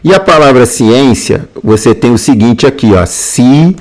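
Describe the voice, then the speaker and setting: A man's voice: medium pitch, expressive, moderate pace. A male teacher with a Brazilian Portuguese accent, going through exam answers step by step and repeating key points. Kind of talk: exam answer walkthrough lesson.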